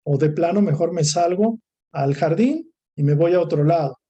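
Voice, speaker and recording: A man's voice: on the high side, normal speed, mellow, slightly rough, muffled recording. A man with a Mexican Spanish accent giving a recorded course lecture, talking in a discursive way that repeats, lists and restarts phrases. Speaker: course instructor.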